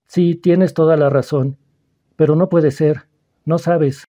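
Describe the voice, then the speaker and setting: A man's voice: on the high side, steady tone, slow, mellow. A man reading the part of an anxious schoolboy who begs to keep his secret, in an audiobook. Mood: frightened, pleading. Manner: anxious, pleading.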